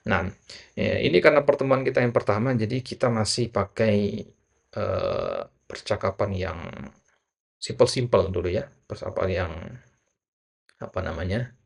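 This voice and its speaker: Low gravelly guy teaching arabic conversation, says "ya" a lot, slow careful examples. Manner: fills pauses with frequent "ya"; models Arabic phrases slowly and drawn out. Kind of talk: conversation lesson.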